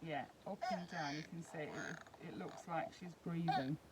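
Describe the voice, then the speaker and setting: A woman's voice: low voice, fairly even intonation, normal speed, very noisy. A woman vlogging a casual unboxing, chatting and explaining each step as she handles the doll.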